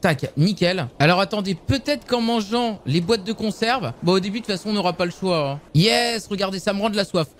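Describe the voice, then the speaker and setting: A young man casually commenting on a survival game for his viewers, excitable and swearing often. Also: high voice, brisk, hardly any pauses, slight background noise. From France. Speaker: gaming youtuber.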